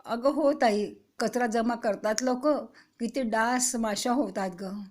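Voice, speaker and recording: A woman voicing an excited, chatty young boy telling his sister about a mishap in a children's story. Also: a little high, slow.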